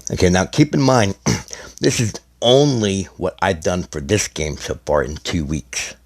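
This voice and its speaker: Gaming YouTuber, middle-aged man, very low voice, slightly hoarse, loose and rambling. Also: measured pace. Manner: rambling, many restarts and fillers. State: slightly hoarse, losing his voice. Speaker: gaming content creator. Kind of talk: casual explanatory gaming video.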